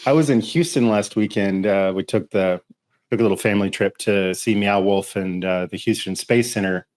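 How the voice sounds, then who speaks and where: A man from Texas co-hosting a casual tech show, telling relaxed, rambling stories. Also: lowish voice, moderate pace. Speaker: co-host. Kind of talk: casual chat.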